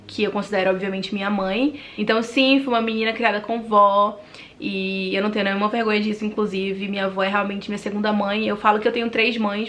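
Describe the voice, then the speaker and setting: A woman in her twenties from Manaus with a Brazilian accent, telling her life story in a talkative, friendly vlog. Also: medium pitch. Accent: Brazilian Portuguese from Manaus. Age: 20s. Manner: talkative and animated. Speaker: vlogger.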